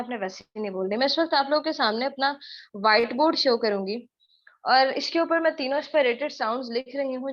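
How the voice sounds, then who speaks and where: A young woman teaching spoken English in an online class, short of breath, mixing English into her explanations and repeating points for emphasis. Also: fairly high pitch. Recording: dull lo-fi online class audio.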